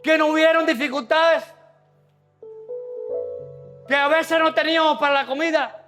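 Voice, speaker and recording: A male pastor delivering an impassioned sermon in a church, building to shouted peaks. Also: extremely high pitch, fairly even intonation, normal speed, soft background music.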